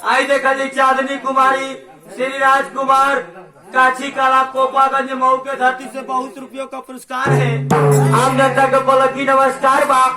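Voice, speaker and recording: An actor playing an anxious young village disciple who pleads and repeats himself, in a Bhojpuri folk comedy. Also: male voice, extremely high pitch, completely flat delivery, a little slow. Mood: pleading. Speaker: chela in a folk comedy skit. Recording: echoey stage from far off, loud music.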